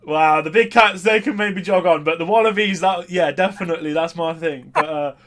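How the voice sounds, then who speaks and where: A man's voice: on the high side, a little fast, fairly bright tone. A man hosting a casual interview in a matey, encouraging way. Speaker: interviewer and channel host.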